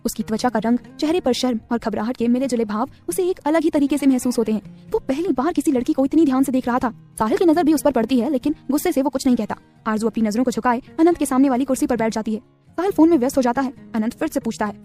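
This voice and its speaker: A woman narrating a scripted romance audio story in quick, steady storytelling. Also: sits high.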